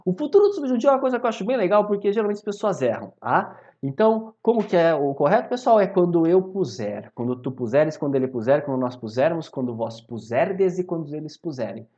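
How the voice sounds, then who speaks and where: A man with a Brazilian Portuguese accent teaches grammar in a video lesson, speaking fast in a fairly high voice with few pauses. He is animated and keeps checking in with students by repeating "maravilha?" and "tá?". The recording sounds muffled.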